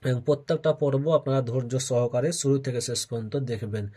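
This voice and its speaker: A male Quran reading teacher who spells out letters and vowel marks one by one, then recites each word in a drawn-out chant three times. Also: medium pitch, warm tone.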